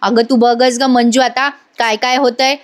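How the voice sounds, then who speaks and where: A woman's voice: a little high, flat delivery, a little slow, lightly acted. A woman reading a smug scheming aunt. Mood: gloating. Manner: smug, confident. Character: scheming, gloating middle-aged aunt.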